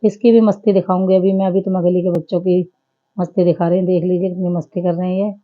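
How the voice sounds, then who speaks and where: A woman's voice: fairly low pitch, little pitch movement, fast talker, phone-quality sound. A woman in her thirties giving a chatty, homely running commentary over her family vlog. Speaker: family vlogger.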